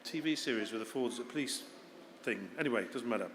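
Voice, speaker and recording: A man's voice: medium pitch, quick pace, a bit bright, slight background noise. A man in his fifties introducing auction lots informally, with conversational asides. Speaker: auction presenter describing lots. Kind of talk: informal live lot description. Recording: echoey hall with long reverb.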